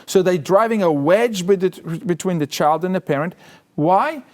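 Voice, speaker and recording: A man's voice: high voice, a little slow. A man appearing as a guest on a talk show, making his points in an emphatic, preachy way. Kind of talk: casual political talk show chat.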